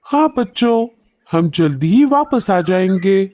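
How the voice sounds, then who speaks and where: A woman voicing a caring, protective mother bird in a cartoon, speaking softly and soothingly. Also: mid-range voice, sing-song, takes it slowly.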